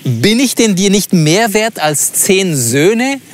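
A man voicing a gentle biblical husband who pleads with his wife in earnest, coaxing questions. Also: on the high side, a little slow, a little hiss or hum, close to an everyday voice. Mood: pleading.

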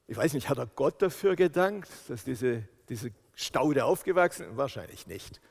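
Animated preacher man in a reverberant hall. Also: medium pitch, normal speed, creaky, breathy edge. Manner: animated storytelling, acts out quotes. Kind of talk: sermon. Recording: long reverb of a large hall.

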